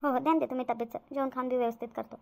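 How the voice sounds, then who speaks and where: A woman plays a sly, whiny young wife in a cartoon, her high voice edged with gravel as she pleads and wheedles. She rattles her lines off at a brisk clip. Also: fairly even intonation, a little mellow. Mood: wheedling. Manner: wheedling, fake-tearful pleading. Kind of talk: cartoon voice acting.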